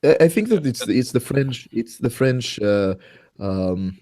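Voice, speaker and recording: A man's voice: mid-range voice, expressive, measured pace, dark tone, dry recording. A man in casual podcast chat, hesitant, repeating words and slipping in German phrases.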